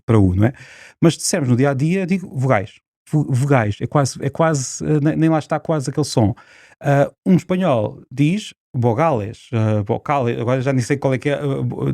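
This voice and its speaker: Dark-voiced Portuguese man explaining. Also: medium pitch, no room sound, clean studio sound. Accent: European Portuguese. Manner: explains at length with many fillers and restarts. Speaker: linguist guest. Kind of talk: explanatory podcast interview.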